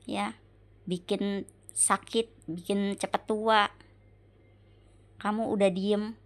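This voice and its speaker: A woman speaks slowly in a mid-pitched voice, addressing her husband in an emotional monologue. She circles back to the same points again and again, pressing him with pleading rhetorical questions. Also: fairly even intonation. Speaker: wife venting on camera.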